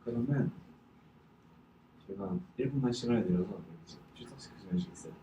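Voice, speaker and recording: A man's voice: mid-range voice, fairly quick. A man hosting an event, making informal announcements to attendees. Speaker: event host. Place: indoor event venue. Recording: echoey noisy room, distant microphone.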